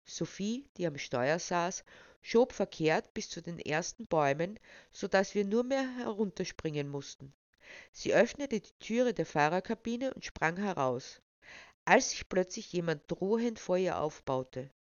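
A woman reads a children's story aloud with expressive storytelling. Her voice sits fairly low. The recording is dry and slightly muffled. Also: a little slow, no room sound.

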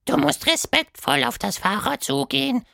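A high, gravelly monster voice, proud and excitable. It swings widely in pitch and sounds bright and sharp, recorded dry and close for a children's audio story. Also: female voice, moderate pace, dry recording, heavily acted. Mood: coaxing.

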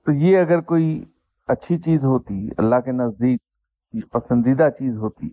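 A man, a spiritual teacher telling an anecdote and reflecting on faith in an unhurried, self-deprecating way. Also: mid-range voice, no echo. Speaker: spiritual teacher answering questions. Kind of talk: anecdotal storytelling and religious reflection. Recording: dry, tinny phone-like sound.

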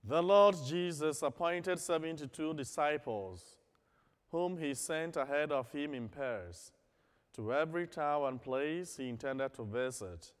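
A man serving as priest, proclaiming the Gospel and preaching at Mass in a measured, deliberate way, his voice ringing with cathedral echo. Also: on the high side. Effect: cathedral echo, long church reverb. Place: large church during Mass. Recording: long reverb of a large church.

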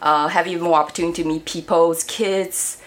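A fairly low-pitched woman speaks in a steady tone, a little fast, as a guest in a relaxed interview. In her forties and from Taiwan, she doesn't speak English and works as a robotics education director, sounding warm and friendly but hesitant, full of fillers.

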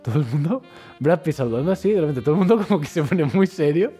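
A man's voice: a little high, fast talker, breathy edge, faint music behind. A man, co-hosting a casual chat podcast and telling a dream story, acting out the crowd's voices. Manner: animated storyteller, acts out crowds. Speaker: podcast co-host.

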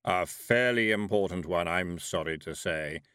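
A man voicing Death, a calm, courteous skeletal reaper who speaks slowly and formally. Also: deep voice, clean tone, dry recording, studio quality, pitched below the performer's own voice. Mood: grave. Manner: slow, measured, formal.

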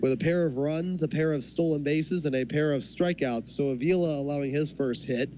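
A man doing live baseball commentary in measured, short phrases with pauses, as the play-by-play announcer. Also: a little high. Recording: clear background noise from a ballpark. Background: ballpark ambience.

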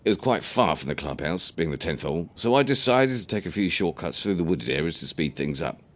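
A man's voice: deep voice, animated, a little fast, a bit bright. A man voicing an elderly grandfather who tells a rambling, earnest tale. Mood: rueful. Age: older. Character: chatty elderly grandfather, injured golfer.

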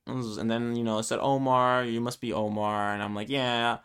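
Here a male podcast host in his twenties, Spanish-speaking and from Brooklyn, New York, rambles through a casual solo monologue, mocking himself and restarting often amid many ums. His smooth, fairly bright voice sits at medium pitch with little movement and a normal pace.

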